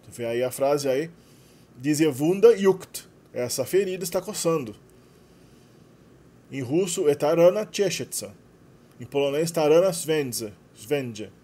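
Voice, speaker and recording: This man's voice is mellow, slightly high and expressive, moving at a measured pace. Narrating a screen-share lesson, he walks through his language course's vocabulary, explaining as he goes and frequently ending sentences with "né".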